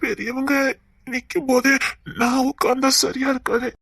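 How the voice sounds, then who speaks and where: Lady doing a timid young girl, soft stammery voice, real husky, dry close sound. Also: high-pitched, flat delivery, moderate pace, no room sound, pitched above the performer's own voice, full character voice. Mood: polite. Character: shy young woman, timid and pleading. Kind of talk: Tamil audio drama acting.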